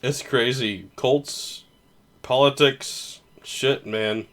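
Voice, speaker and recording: A man's voice: medium pitch, steady tone, drawn-out words, a bit bright. A man doing casual, profane comedic film commentary as a reviewer, blunt and given to mock outrage. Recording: clearly noisy background with clicks.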